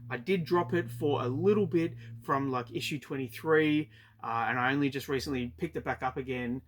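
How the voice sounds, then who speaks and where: A man's voice: medium pitch, normal speed. An Australian man chatting casually about his weekly comic purchases, with frequent ums and uhs. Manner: hesitant, many ums and uhs. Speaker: comic book collector vlogger. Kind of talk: casual review chat. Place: storage unit.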